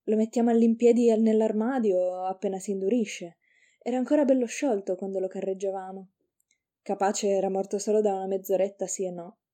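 A woman's voice: medium pitch, steady tone, brisk, warm tone, natural voice. A woman voicing a brash, cocky young man who leads his friend, in a read-aloud story. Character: rough young man, cocky, bold ringleader.

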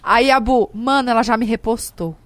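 A woman, co-hosting a podcast in casual, slangy, animated chat. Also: a little high, normal speed, no room sound. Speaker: podcast co-host.

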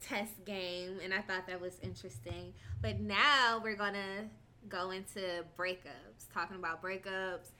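A woman hosting a casual podcast chat with friends, loose and expressive, laughing often. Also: medium pitch, unhurried. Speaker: podcast host.

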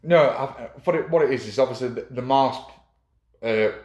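A man's voice: medium pitch, moderate pace, darkish tone, roomy sound. A man, chatting casually as a club official, rambling with many fillers and restarts. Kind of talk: casual chat.

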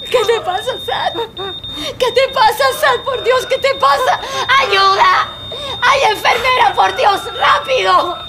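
A woman's voice: very high-pitched, takes it slowly, noisy background. A woman voicing a distraught friend who sobs and pleads. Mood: frantic. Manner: sobbing, pleading, crying out.

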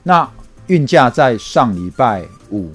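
A man's voice: medium pitch, very animated, slow, soft background music. A man with a Taiwanese Mandarin accent talks as a stock analyst. His voice sits in a middle register, and he explains in a conversational way, checking in with rhetorical questions. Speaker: stock market analyst and guest. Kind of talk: conversational stock market commentary.

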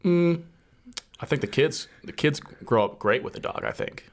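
A man's voice: mid-range voice, wildly swooping pitch, moderate pace, creaky. A young man guesting on a casual podcast, sarcastic and easygoing, joking around as he talks.

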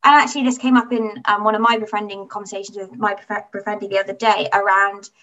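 A woman's voice: medium pitch, flat delivery, quick pace, a bit bright. Woman guest talking openly and reflectively, mid voice, sounds a bit far from the mic. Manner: candid and reflective, voices her past thoughts. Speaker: interview guest. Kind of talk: conversational interview.

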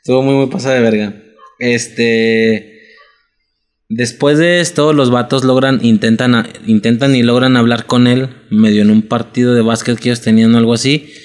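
A young adult man with a Mexican Spanish accent, chatting about a TV drama in a relaxed, slangy way as a podcast co-host. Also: medium pitch, moderate pace. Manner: relaxed, slangy, laughs along. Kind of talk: casual chat recapping a drama.

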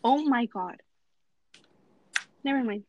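A woman's voice: on the high side, slow pace. Flustered woman host on a dull mic. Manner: flustered, repeats "oh my god" and "hold on". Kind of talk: casual chat.

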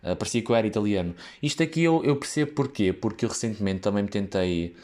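Talking fast in a lowish, somewhat mellow voice, a young man with a European Portuguese accent recounts his waiter job in a loose, rambling way. He keeps using fillers, starting over and wandering off on side tracks.

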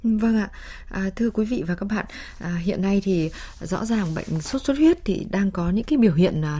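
A woman's voice: mid-range voice, warm tone. A woman hosting a radio health programme, presenting formally and putting questions to a guest. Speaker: radio health show host.

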